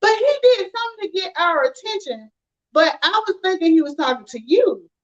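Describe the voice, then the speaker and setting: A woman, telling stories in an animated, casual chat with frequent laughter. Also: very high-pitched, fairly quick. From rural Alabama, USA. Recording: dull lo-fi sound.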